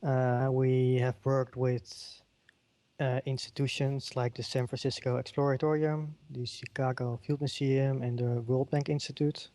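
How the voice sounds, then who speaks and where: A middle-aged Dutchman with a Dutch accent delivers a conference keynote in a virtual world, filling it with ums and uhs. His voice is mid-range and warm, a little slow, with little pitch movement.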